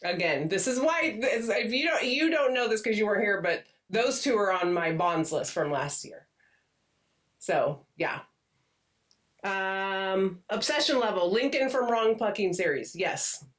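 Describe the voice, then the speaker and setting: A chatty woman co-host who giggles her way through talk about romance books. Her voice sits at a middle pitch. She sounds a little distant from the microphone. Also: animated, a little slow. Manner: giggly and chatty, laughs often. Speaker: podcast co-host. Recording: voice a bit off-mic.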